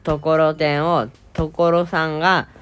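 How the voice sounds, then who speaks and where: A woman's voice: low-pitched, level tone, slow, smooth. A woman chatting casually in a blunt, teasing way. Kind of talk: casual chat. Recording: background music.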